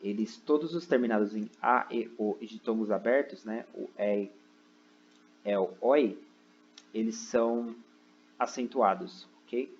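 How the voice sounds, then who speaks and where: Explaining a lesson step by step from his computer, a male teacher in a recorded online class constantly checks with "né?" and "ok?". He speaks at a measured pace with a fairly low pitch, seated indoors. The muffled recording has a little hiss or hum.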